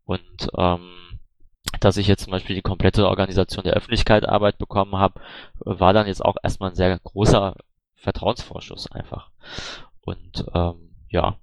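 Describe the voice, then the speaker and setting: Low gravelly man, halting. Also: flat delivery, dry recording. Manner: hesitant, many fillers and restarts. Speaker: candidate for party board. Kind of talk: online Q&A, casual spoken answers.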